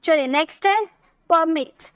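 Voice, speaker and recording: A woman with a high, bright-pitched voice teaches a grammar lesson, taking each rule slowly and checking in with her students as she goes. Her voice is recorded close to the mic in a dry room with almost no echo. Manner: patient, explains step by step and asks questions to check understanding. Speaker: English teacher. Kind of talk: spoken English lesson.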